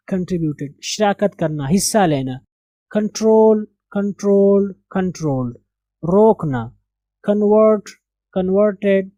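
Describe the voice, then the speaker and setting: A man teaching English as a classroom lesson, slowly and deliberately drilling the pronunciation of words. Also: high voice, dark tone, no echo.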